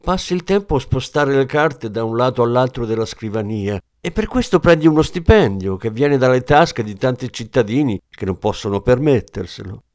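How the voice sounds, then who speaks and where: Brief: male reader doing a contemptuous hard-boiled cop, cutting, pitched up. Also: animated, moderate pace, few pauses, a little mellow, natural voice. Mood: scornful. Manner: scornful, cutting.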